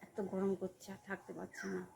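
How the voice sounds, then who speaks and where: A woman's voice: medium pitch, monotone, normal speed, creaky, noisy background. A young woman vlogging in a casual, coaxing way, often asking her viewers tag questions.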